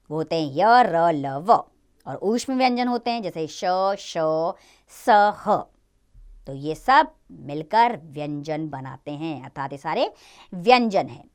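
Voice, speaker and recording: A woman teaching a grammar lesson to children, explaining step by step and asking and answering her own questions. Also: fairly low pitch.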